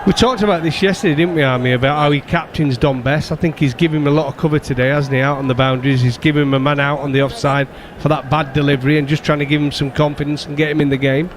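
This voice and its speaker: Quick-talking man chatting cricket. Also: a little high, fairly even intonation, a little hiss or hum. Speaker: cricket pundit. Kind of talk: casual chat.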